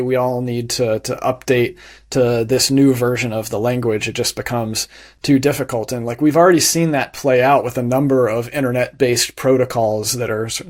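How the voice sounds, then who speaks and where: Man, mid-pitch guest for interview, thoughtful explainer, measured delivery, frequent restarts. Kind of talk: explanatory conversational interview answers.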